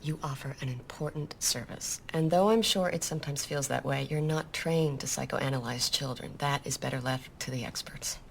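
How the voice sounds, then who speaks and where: Condescending woman psychologist, deep, gravelly voice, measured and patronizing. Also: slight background noise. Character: condescending woman psychologist, smooth and self-assured. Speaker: child therapist.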